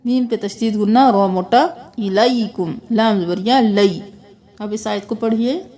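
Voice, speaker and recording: A woman teaching Quran recitation word by word, drawing each word out slowly and melodically, then explaining the pronunciation rules. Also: medium pitch, dark tone. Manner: slow drawn-out melodic recitation between brisk spoken explanations. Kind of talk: word-by-word tajweed lesson.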